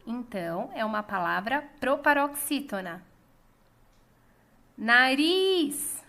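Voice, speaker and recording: A woman with a Brazilian Portuguese accent teaching a lesson, calling out words slowly and drawing out the stressed syllable. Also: sits high, a bit bright. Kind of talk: slow, clear classroom lesson.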